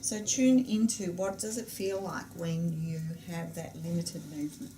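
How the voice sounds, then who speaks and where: A woman leading a tapping therapy demonstration in a class, asking gentle probing questions and affirming often. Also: lowish voice, moderate pace, noisy background. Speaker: EFT practitioner running a class.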